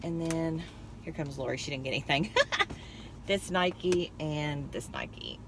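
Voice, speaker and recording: With a low, expressive voice, a woman vlogger talks slowly about her finds, chatty, rambling and laughing often. She begins in a parked car and then drives, the interior noisy throughout. Her phone on the dashboard does the recording.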